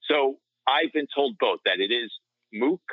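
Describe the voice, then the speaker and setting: A hockey radio play-by-play announcer and podcast panelist offers conversational sports analysis over a remote call, explaining at length with small digressions like a broadcaster on a panel. His medium-pitched voice is expressive, unhurried and gravelly, with no room sound. The call-in line is dull and lo-fi.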